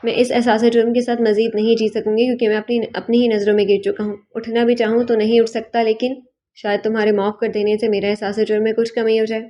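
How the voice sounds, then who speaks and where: A woman voicing a remorseful young husband in an audiobook, with a soft, pleading and emotional delivery. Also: a little high, flat delivery, natural voice. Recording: dull lo-fi recording.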